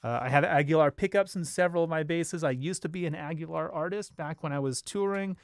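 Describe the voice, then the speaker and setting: A man from Los Angeles with an American accent, a bass player hosting a livestream, chats off the cuff, rambling informally and joking with his viewers. His slightly high voice is very clean and smooth, and he talks fast. The recording is close and dry.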